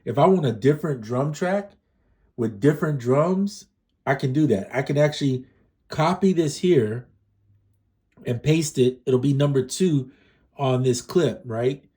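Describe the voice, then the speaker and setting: A man with a mellow, relaxed tone casually talks his way through a music gear demo, rambling, correcting himself mid-sentence and using lots of fillers. His mid-range voice is unhurried and sounds slightly congested.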